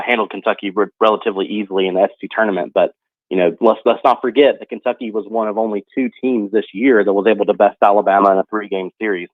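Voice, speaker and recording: A man giving casual sports analysis on a radio show, talking quickly with lots of fillers like "you know" and "um". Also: fairly low pitch, no echo. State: coughing from allergies. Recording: dry phone-line audio.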